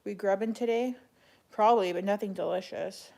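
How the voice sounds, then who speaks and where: A woman chatting casually on a livestream as she answers viewers, speaking in a flat monotone with a creaky voice. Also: medium pitch, moderate pace. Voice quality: creaky vocal fry. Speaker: live streamer answering chat.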